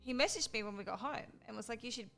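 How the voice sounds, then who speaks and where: A woman's voice: fairly high pitch, fast talker, creaky, a bit bright, faint music behind. A woman on her first tabletop game, telling a rambling story between turns and swearing now and then. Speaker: new player.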